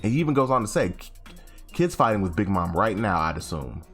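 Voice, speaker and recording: A man's voice: fairly low pitch, sing-song, fairly quick, a bit bright, soft background music. A young man casually recapping a comic chapter, slangy and rambling, often correcting himself and acting out quotes. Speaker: anime chapter reviewer.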